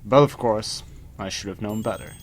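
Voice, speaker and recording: A man reading a scripted first-person horror story, dramatically, with pauses for suspense. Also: lowish voice. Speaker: creepypasta narrator. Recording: music behind the voice. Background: music.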